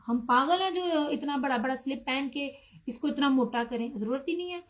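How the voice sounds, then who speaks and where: High-voiced woman selling clothes live. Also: normal speed, poor audio. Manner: chatty, addresses viewers by name, insists on low prices. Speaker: online clothing seller. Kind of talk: live-stream sales pitch.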